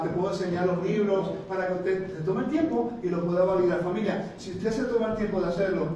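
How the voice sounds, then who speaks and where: A man teaching a seminar to a congregation, animated and questioning the audience. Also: sits high, slight background noise. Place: church hall. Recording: very echoey hall, distant mic.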